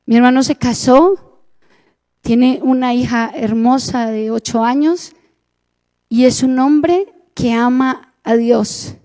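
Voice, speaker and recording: A woman's voice: fairly high pitch, takes it slowly, mellow. A Colombian woman preaching a sermon, telling a testimony earnestly and acting out the dialogue. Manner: earnest storytelling, acts out dialogue.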